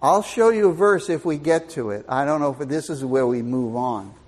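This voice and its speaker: A man's voice: on the high side, expressive, moderate pace. An older man giving a Bible teaching sermon in a folksy, storytelling and emphatic way.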